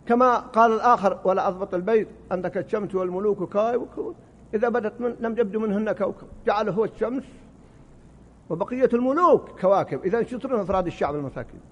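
A man's voice: sits high, racing. A man preaching a sermon, impassioned, his voice rising and falling, sometimes stumbling over and repeating words. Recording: muffled hall recording with reverb.

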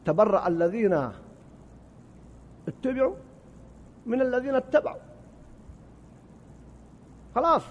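A high-voiced male preacher delivers an impassioned sermon, his voice swinging widely between soaring peaks and low murmurs. He sometimes stumbles and repeats a word before pushing on. The recording is muffled, with a long reverb from a large hall. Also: big pitch swings, measured pace, pauses often. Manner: impassioned, rising and falling.

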